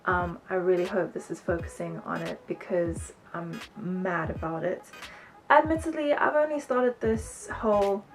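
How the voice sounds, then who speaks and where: A woman with a lowish voice speaks a little slowly in a casual, rambling beauty vlog, making self-conscious side comments. Her mostly British accent shows slight South African and American touches, reflecting a UK birth and teenage years in South Africa. Background music accompanies a rough recording.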